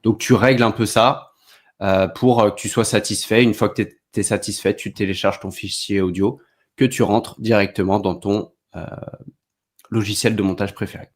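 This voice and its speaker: A man's voice: fairly low pitch, fairly even intonation, normal speed. A man giving a casual online tutorial, talking straight to the viewer and often hesitating and restarting. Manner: hesitant, many fillers and restarts; speaks directly to the viewer. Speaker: content creation trainer.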